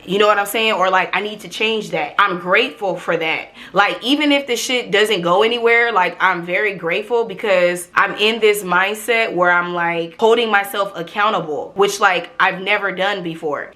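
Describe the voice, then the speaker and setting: Young woman vlogging, super candid girl talk, bright punchy voice, swears a lot and leans on her words. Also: mid-range voice. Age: young adult. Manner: candid, emphatic, slangy and profane. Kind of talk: casual confessional chat to camera.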